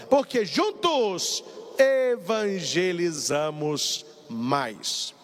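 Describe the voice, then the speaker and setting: A high-voiced male priest preaches in a large church sanctuary, his words trailing into long reverb. The live-broadcast sermon includes announcements, and he tells stories animatedly, acting out the dialogue.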